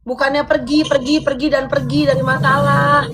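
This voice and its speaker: A woman's voice: high voice, little pitch movement, moderate pace, very noisy. A woman arguing heatedly on a livestream, scolding and repeating her demands over and over. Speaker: livestream co-host.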